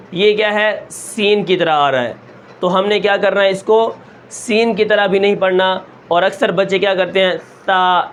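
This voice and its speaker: A man teaching Quran recitation step by step, asking questions and answering them himself, and stretching sounds slowly to show them. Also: high-pitched, slight background noise. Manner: asks the class a question, then answers it himself; draws out sounds long and slow to show them.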